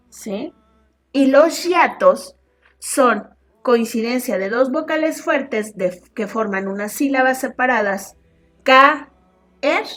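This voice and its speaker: Woman, teacher, from Mexico, slow, fairly high voice, checks in with students. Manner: slow and explanatory, often checking with a questioning "¿sí?". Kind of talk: online class lecture.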